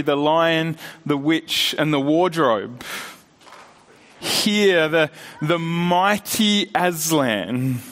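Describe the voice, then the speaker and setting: Brief: male pastor, earnest sermon, halting restarts, high voice, long church reverb. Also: a bit bright.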